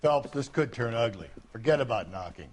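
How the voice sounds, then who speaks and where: A hard-bitten 1940s detective, voiced by a man who talks bluntly and swears freely. His tone is world-weary and cynical, a seasoned partner who has seen it all. The game audio carries a clear hiss of background noise. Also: mid-range voice, lively intonation, fairly quick, lightly acted. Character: gruff cynical middle-aged male police detective. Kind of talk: 1940s crime game dialogue.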